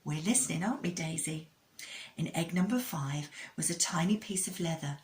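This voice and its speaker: Speaking at normal speed in a low voice, a woman plays a children's show host. She tells an expressive story with a religious message, talking directly to the kids listening.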